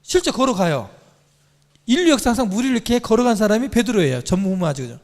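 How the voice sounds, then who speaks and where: A man's voice: high-pitched, sing-song, fast talker, in a large hall. A man preaching a sermon to a congregation, telling the story with animation and quizzing his listeners. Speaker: church teacher.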